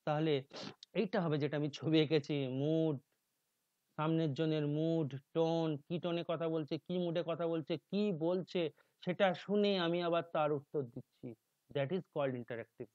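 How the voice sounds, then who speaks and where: Bengali-accented male teacher with slow, muttering explanations. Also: fairly even intonation, a little mellow, no room sound. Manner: explains slowly, reads English options aloud slowly, drops to low mutters. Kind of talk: exam-prep lecture. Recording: dull dry lo-fi recording.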